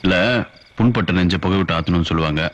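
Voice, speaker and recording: A young actor playing a film hero, talking in teasing, easygoing banter in a comedy scene. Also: male voice, low voice, quick pace, lo-fi sound, natural voice.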